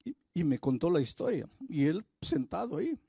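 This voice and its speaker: A man preaching a sermon as a pastor, telling a story slowly and earnestly with repeated phrases. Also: on the high side, big pitch swings, creaky, mellow, husky, dry recording, studio quality.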